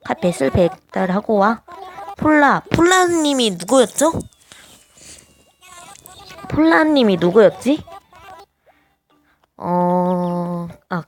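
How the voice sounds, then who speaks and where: A woman with a naturally high voice, chatting casually as she plays a life-sim game, hesitant and full of little filler sounds. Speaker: game streamer. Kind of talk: casual gameplay commentary.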